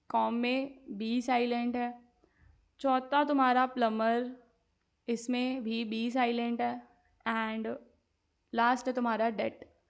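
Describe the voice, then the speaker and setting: Slow, careful woman teacher, higher voice. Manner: explains step by step, mixing Hindi and English, often checks with "theek hai"; slowly spells out English sentences word by word while dictating. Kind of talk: exam-prep lesson.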